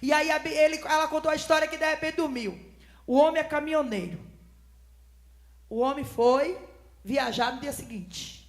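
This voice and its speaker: High-voiced fervent woman preacher. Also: moderate pace, pauses often. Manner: fervent, swings between shouting and hushed tones; breaks into speaking in tongues. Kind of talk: Pentecostal sermon.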